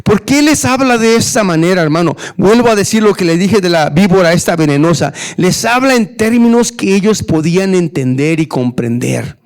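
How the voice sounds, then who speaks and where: Un pastor predicando con fervor en español, haciendo preguntas retóricas y llamando "hermano" a sus oyentes. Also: male voice, sits high, animated, normal speed. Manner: earnest preaching, often addressing "hermano", rhetorical questions. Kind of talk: sermon.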